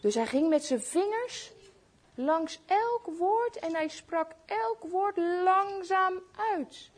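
A woman reading a Christmas story aloud to children, slow and expressive, speaking to her listeners. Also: very high voice.

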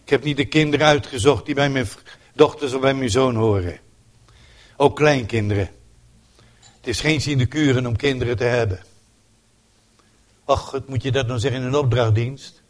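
An older man, a pastor delivering a sermon in an emotional, emphatic way with sudden loud outbursts. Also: mid-range voice, steady tone, moderate pace, pauses often.

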